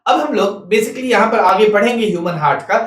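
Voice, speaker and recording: A man teaching a science lesson for exams, repeating a check-in phrase and answering his own questions. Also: sits high. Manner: mixes English terms into Hindi, spells words out slowly. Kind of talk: exam-prep science lecture. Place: classroom or small studio, writing on a board. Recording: echoey room, mic some distance off.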